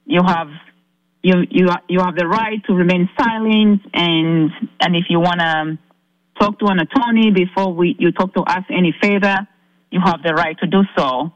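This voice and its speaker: Caller from Zambia, a woman telling her ordeal in earnest halting bursts, dull dry line. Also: lowish voice, dry recording. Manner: earnest, halting, many restarts. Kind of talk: recounting a personal ordeal on a call-in show.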